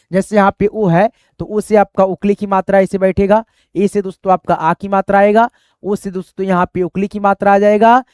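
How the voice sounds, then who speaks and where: A man's voice: high-pitched, a little mellow, smooth, no room sound, clean studio sound. A man teaching a reading lesson, patiently repeating each step and addressing viewers as friends. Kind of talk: explaining a spelling lesson.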